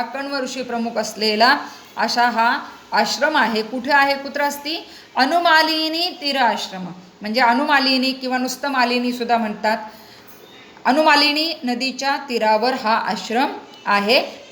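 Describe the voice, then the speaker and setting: A woman teaching a Sanskrit play, reciting each line slowly and then explaining it, often checking that the students follow. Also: a little high, fairly bright tone, a little hiss or hum. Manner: often checks understanding with the class. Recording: roomy echo.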